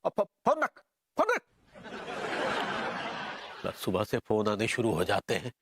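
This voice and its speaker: A man's voice: fairly low pitch, huge pitch swings, a little slow, fairly bright tone, breathy edge, no echo, studio quality, heavily acted. An actor playing a flustered middle-aged man who stammers and pleads in a TV sitcom. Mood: grumbling. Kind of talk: TV sitcom acting.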